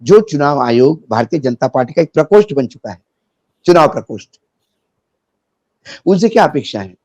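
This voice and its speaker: A man's voice: on the high side, animated, normal speed, a little mellow, dry recording, highs cut off. A man discussing politics as a guest, biting and sarcastic, mixing in jokes and anecdotes.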